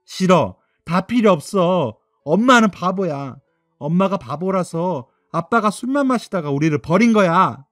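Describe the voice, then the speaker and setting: A man's voice: high voice, animated, dry recording, clean studio sound, faint music behind, pitched above the performer's own voice. A man voicing an upset ten-year-old boy who pleads and cries in a radio drama. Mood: sulky, angry. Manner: tearful, pleading, drawn-out cries.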